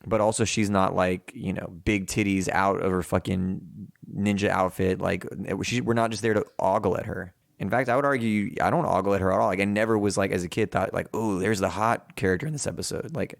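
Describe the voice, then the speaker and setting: A man's voice: low-pitched, fairly even intonation, fairly quick, creaky, few pauses, no room sound, studio quality. A man co-hosting a podcast, rambling in casual chat with many restarts and frequent swearing. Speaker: podcast co-host.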